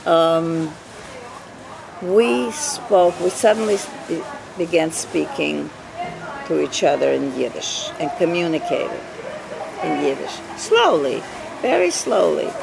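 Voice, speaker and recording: Speaking slowly in a creaky, sing-song, medium-pitched voice, this older interviewee recounts his life with emphasis and throws out rhetorical questions. He is a Yiddish teacher who was born in Russia and grew up speaking Russian. The audio is poor and a crowd can be heard in the background.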